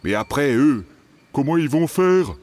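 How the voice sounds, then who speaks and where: A man voicing a huge, good-natured male river giant who speaks slowly in a high, exclaiming voice. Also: lively intonation, darkish tone. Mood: cheerful, bewildered. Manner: high, slow, exclaiming, homely speech.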